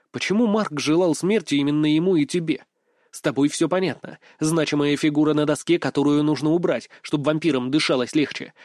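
A male narrator reading a first-person story in a steady, expressive manner. His voice sits a little high for a man. The recording is dry and close, with no room echo. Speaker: audiobook narrator.

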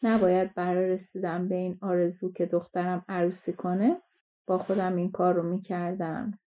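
A woman voicing a frightened, desperate queen in a fairy-tale audiobook, raising her voice high. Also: little pitch movement, mellow, natural voice. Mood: pleading. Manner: pleading, anxious.

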